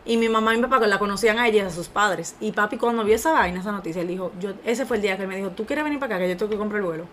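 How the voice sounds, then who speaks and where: A young woman, co-hosting a casual chat and telling animated stories to her listeners. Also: mid-range voice, very fast, a little hiss or hum. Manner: animated storyteller, addresses listeners as "señores".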